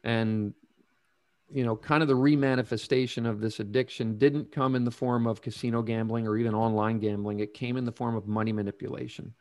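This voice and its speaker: A middle-aged man recounts his past in an unhurried, reflective way, pausing often with ums and small restarts. His voice sits at an ordinary pitch and is recorded dry and close, with almost no room sound. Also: fairly even intonation, a little mellow, no echo. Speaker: guest sharing recovery story. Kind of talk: casual interview talk.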